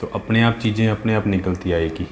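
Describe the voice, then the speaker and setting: Low-voiced man teaching drawing. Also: steady tone, a little fast, a little hiss or hum. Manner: patient, talks while working, asks "है ना?" and "ठीक है?" often. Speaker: art teacher. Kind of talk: casual step-by-step drawing tutorial. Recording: roomy with faint ambience.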